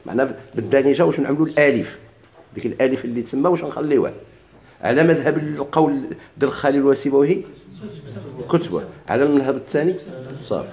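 Fast-talking Moroccan teacher in an echoey room. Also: male voice, fairly high pitch, warm tone. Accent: Moroccan Arabic. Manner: asks questions and answers them himself; repeats key words slowly for emphasis. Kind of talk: grammar lesson in dialect.

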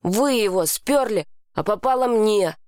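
A woman's voice: mid-range voice, animated, unhurried, a little mellow, no echo, studio quality, natural voice. A woman doing a furious resentful boy. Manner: hissing, accusing. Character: angry scared boy, fierce and resentful.

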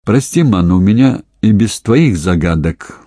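A calm police investigator with a dry, ironic wit, read by a male narrator. His voice sits low with a husky grain and plenty of lift in the delivery. The sound is close and dry. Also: moderate pace, no room sound. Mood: wry.

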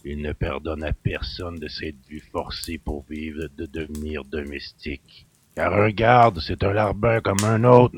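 Gruff rustic innkeeper, deep gravelly grumble for an audio drama. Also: male voice, slight background noise. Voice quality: gravelly, low and husky. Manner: grumbling, resentful, rustic speech. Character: gruff suspicious middle-aged male country innkeeper.

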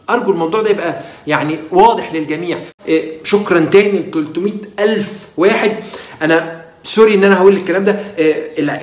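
A middle-aged man with an Egyptian Arabic accent, hosting a casual health talk and lecturing viewers with animated rhetorical questions. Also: high-pitched, reverberant. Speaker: health channel host.

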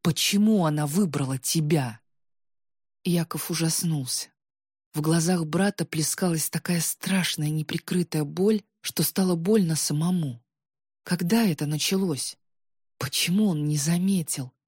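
Low, husky woman reading a story. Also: unhurried, a little mellow, dry recording, clean studio sound. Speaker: audiobook narrator. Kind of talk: storytelling narration.

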